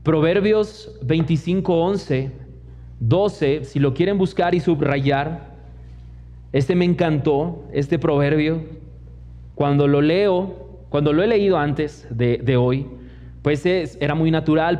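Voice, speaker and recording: Man, young, Mexican accent, pastor, sermon, storytelling with acted-out quotes, mellow tone, long hall reverb. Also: a little high, unhurried. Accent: Mexican Spanish. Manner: storytelling preacher who mimics others in quoted asides. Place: church hall. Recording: long church hall reverb, dull lo-fi sound.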